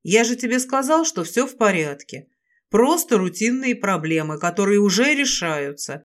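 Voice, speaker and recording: A woman voicing a possessive, domineering male serpent lord in an audiobook, speaking low and commanding. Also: sing-song, normal speed, natural voice. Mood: dismissive.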